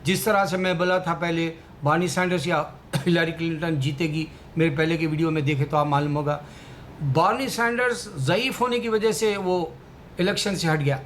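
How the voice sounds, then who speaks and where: A man's voice: on the high side, steady tone, moderate pace, fairly bright tone, a little hiss or hum. A man giving a rambling, preachy political commentary with a religious message, full of fillers.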